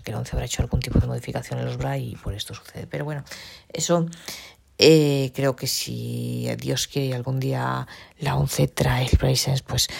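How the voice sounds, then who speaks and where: A woman talks through a device tutorial step by step, patient and plain. Her voice is strongly gravelly and husky. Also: rumbling low, darkish tone. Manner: explains patiently while operating a device. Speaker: tutorial presenter.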